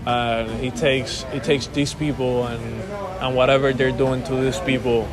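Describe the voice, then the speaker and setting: This medium-pitched male voice barely moves in pitch and keeps a moderate pace, heard over loud music in a low-quality recording. The speaker, a young musician born and raised in Cuba, chats casually as an interview guest, restarting often and saying bro a lot.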